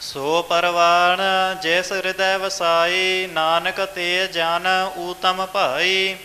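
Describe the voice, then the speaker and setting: Man chanting scripture slowly in a hall. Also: sits high, little pitch movement, sharp tone, faint music behind. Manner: measured, sing-song chanting. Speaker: scripture reciter. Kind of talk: slow chanted scripture recitation.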